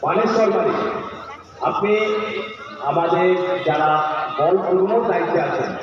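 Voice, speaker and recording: A man making formal, polite announcements at a football tournament, heard through an outdoor loudspeaker. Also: sits high, far from the mic. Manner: formal, polite, drawn-out phrasing. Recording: echoey, muffled loudspeaker heard from afar. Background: crowd noise.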